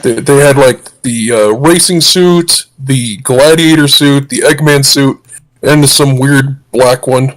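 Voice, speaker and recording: A man's voice: mid-range voice, slow, rough recording. A man co-hosting a casual livestream chat through a voice changer, talking keenly with frequent restarts. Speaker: co-host.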